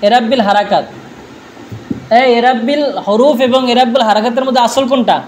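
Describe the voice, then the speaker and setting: A man's voice: very high voice, normal speed, darkish tone, a little hiss or hum. A man teaching a grammar lesson, drilling his students with repeated questions and answers, speaking.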